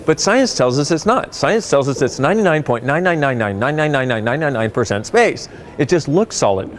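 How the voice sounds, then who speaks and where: A man teaching a self-help technique with animated, playful storytelling. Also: a little fast. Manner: animated, playful storytelling with sudden rises in pitch. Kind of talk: spoken explanation to camera.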